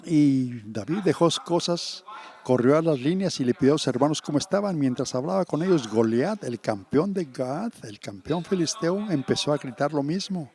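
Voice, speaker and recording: A man preaching a sermon, telling a scripture story in an animated way and acting out the quotes. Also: on the high side, moderate pace.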